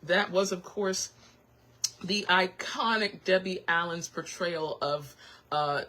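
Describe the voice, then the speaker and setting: A woman hosting a radio show, chatting in an animated, sassy way. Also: slow. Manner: animated, sassy, swoops into high excited squeals. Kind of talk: casual talk radio chat. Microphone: studio microphone.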